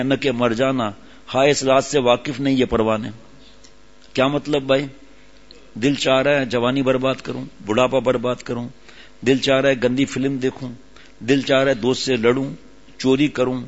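An older man preaching to a seated gathering in a storytelling way, with asides to his listeners. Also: mid-range voice. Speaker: religious preacher. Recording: dull lo-fi audio.

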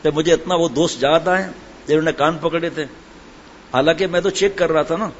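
Chatty preacher, higher-pitched man. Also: steady tone. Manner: conversational storytelling, chatty asides. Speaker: religious preacher. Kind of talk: sermon with humorous anecdotes. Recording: dull lo-fi with faint background noise.

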